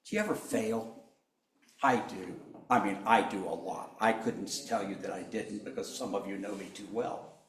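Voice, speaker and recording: A man's voice: lowish voice, moderate pace, roomy sound, slight background noise. A man preaching a sermon, telling the story with humor and acting out the quoted lines. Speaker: pastor.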